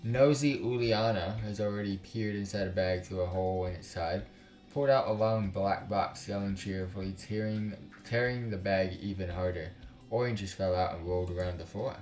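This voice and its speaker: Reading a visual novel aloud at normal speed, a man who makes gaming videos on YouTube interrupts with casual, sweary, disbelieving slang comments. His voice is low, steady, and darkish, captured with a distant mic in a roomy, echoing space while music plays.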